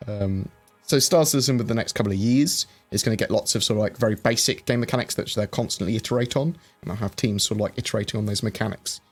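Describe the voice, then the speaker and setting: Faint music plays behind a man with a fairly low voice who talks at a quick pace. He's a streamer chatting through a casual Q&A, reading viewer questions out and answering with many fillers.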